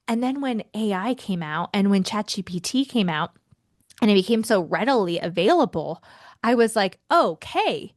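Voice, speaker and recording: A woman hosts a self-help podcast in a casual, expressive monologue and speaks to her listeners as friends. Her pitch sits in the middle range. The recording is dry and close. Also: normal speed, no room sound. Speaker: podcast host and life coach.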